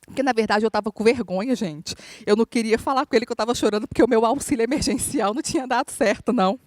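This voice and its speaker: A woman preaches a sermon, telling a story in an animated way and calling out to her listeners. Her voice sits high, and the recording is dry and close with no room echo. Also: quick pace. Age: adult, married. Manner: animated storyteller, often calls out to the congregation. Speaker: minister. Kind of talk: sermon with personal testimony.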